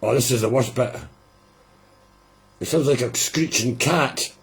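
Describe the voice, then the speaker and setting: A man hosting a live listening party, chatting casually and rambling with quiet amusement as the record plays. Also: medium pitch, a little slow, slightly rough.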